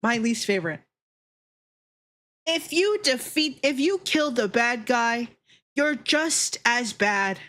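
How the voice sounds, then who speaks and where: Slow and pausing often, a woman streamer speaks in a fairly high, fairly bright voice with lively intonation. The VTuber host keeps the livestream chat casual, repeating herself for emphasis while swearing freely and sharing blunt opinions.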